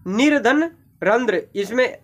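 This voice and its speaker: A man's voice: very high-pitched, lively intonation, takes it slowly, a bit bright. A man teaching Hindi grammar for exam preparation, patiently breaking down each example word step by step and addressing viewers directly. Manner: addresses viewers with "देखिए" and "भाई". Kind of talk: explanatory exam-prep lesson.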